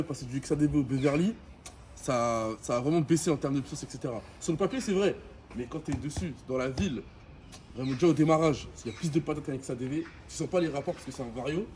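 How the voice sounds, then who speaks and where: A man's voice: a little high, lively intonation, fast talker, darkish tone. A young man chats casually to camera in street slang, reviewing like a vlogger. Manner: French suburban street slang. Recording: noticeable ambient background noise.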